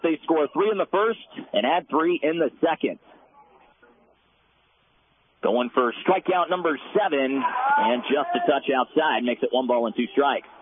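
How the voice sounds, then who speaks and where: A man giving brisk, stat-heavy play-by-play of a softball game, heard as a loud, dense radio broadcast. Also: medium pitch. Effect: loud dense radio broadcast sound. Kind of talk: live softball commentary. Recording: narrow tinny radio band, faint hiss.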